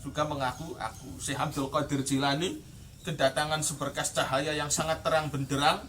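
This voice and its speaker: A man's voice: fairly high pitch, level tone, moderate pace, sharp tone, recorded from a distance, slight background noise. A man with a Javanese accent teaching from a classical Islamic text, reading the Arabic, glossing it word by word in Javanese and then explaining it in Indonesian. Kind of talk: traditional pesantren kitab recitation and explanation.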